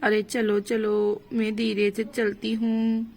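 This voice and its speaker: Brief: a woman doing a worried pregnant young aunt, high slow plea, dry close sound, doll story. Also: monotone, creaky, a little mellow, heavily acted. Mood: distressed. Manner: anxious, pleading. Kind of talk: doll story role-play.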